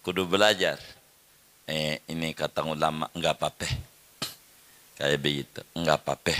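A man's voice: extremely low pitch, fairly even intonation, moderate pace, bright, forceful tone. A middle-aged man teaching a religious study lecture, repeating words and drilling Arabic pronunciation for his listeners. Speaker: Islamic teacher.

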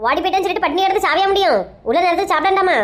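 A shrill, rapid-fire mother who scolds everyone around her, played by a woman. She has a Kanyakumari Tamil accent and a nagging, bickering delivery made for comic family skits. Her voice sits very high. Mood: scolding. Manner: nagging, bickering, shouting insults. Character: sharp-tongued scolding middle-aged mother.

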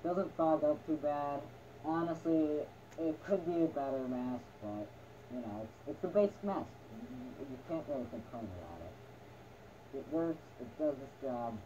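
A man's voice: fairly high pitch, animated, unhurried. A young man giving a casual review, his voice muffled as he talks through a gas mask. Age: teens to young adult. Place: small attic room indoors. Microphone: camera a few metres away. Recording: muffled dull sound, noisy room.

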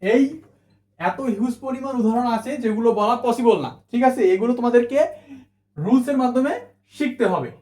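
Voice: mid-range voice, brisk, long pauses, dark tone, roomy sound. A teacher giving an exam-prep spelling lesson, repeating each rule and asking questions back to the students, with English words mixed in. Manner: repeats rules and asks rhetorical questions; mixes English words into the talk.

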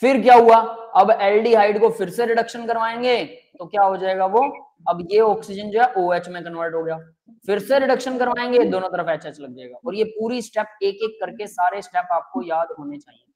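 A man's voice: high-pitched, fairly quick, a little mellow. Male chemistry teacher, live online lecture, step-by-step explaining, checks in with students often. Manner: explains step by step, keeps asking students if it is clear; addresses students as beta and bhai.

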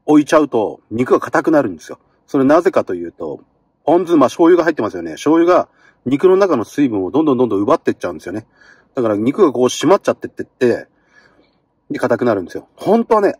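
Excitable male vlogger, husky, lively pitch, talking from a parked car. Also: no room sound. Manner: excitable, talks to camera while eating. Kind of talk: casual car-camping vlog.

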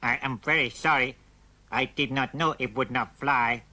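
A man doing a husky, mischievous alien boy. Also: mid-range voice, normal speed, sharp tone. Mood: curious. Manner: plain, stiff phrasing without contractions.

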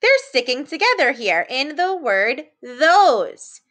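Teaching young children to read, a woman with a slightly high voice keeps a slow, supportive pace and sprinkles in playful gasps of excitement.

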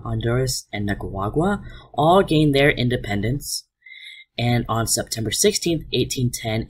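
A man's voice: mid-range voice, slightly rough. A man teaching an online art class, explaining slides to his students in an upbeat way. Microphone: voice-over on slides.

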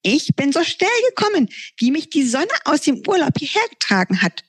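A woman voicing an excitable, spiky-haired little sun creature in a storybook reading, chattering and bubbly. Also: high voice, normal speed, voice pushed up. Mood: eager.

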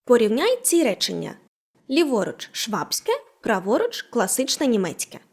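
Female teacher narrator, fairly high, very lively intonation, clearly enunciated scripted lesson. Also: normal speed. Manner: animated, clearly enunciated explanations. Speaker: language teacher.

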